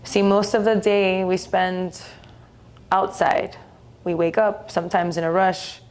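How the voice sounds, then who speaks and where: A woman with a smooth, steady voice on the low side leads a guided meditation. Her pacing is unhurried and gentle, and long pauses separate her phrases.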